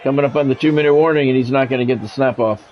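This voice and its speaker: Racing through his lines, a man with a mid-range voice delivers live play-by-play for a football video game in terse announcer phrases and candid asides. A dull, lo-fi mic records him, with faint background noise.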